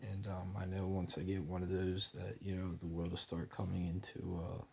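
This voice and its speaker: A man's voice: low voice, monotone, moderate pace, creaky, darkish tone, slight background noise. A young man talking in a rambling personal monologue, meandering with many fillers and restarts. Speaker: vlogger.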